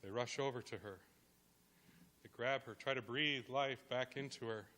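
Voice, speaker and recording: A man telling a traditional creation story aloud, with dramatic pauses and rhythmic repetition. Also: medium pitch, pushed and bright. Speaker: guest speaker. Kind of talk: oral storytelling.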